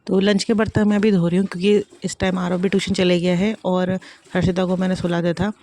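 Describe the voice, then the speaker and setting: A woman's voice: lowish voice, flat delivery, quick pace, mellow. Chatty woman vlogging her chores at home. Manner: chatty, repeats herself, talks while doing chores. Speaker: vlogger, mother of two. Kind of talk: casual daily vlog chat. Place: home, kitchen and rooms.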